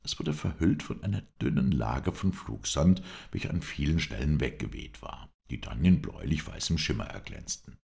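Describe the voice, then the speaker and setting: A man reading an adventure novel aloud as an audiobook in an even storytelling manner. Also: extremely low pitch, normal speed, creaky, few pauses. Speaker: audiobook reader.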